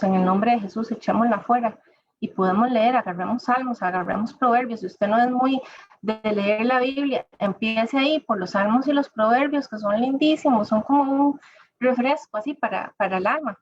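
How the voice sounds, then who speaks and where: A woman's voice: on the high side, dry recording. A woman giving an informal sermon, talking conversationally and addressing listeners directly. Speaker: church speaker. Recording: dull dry lo-fi recording.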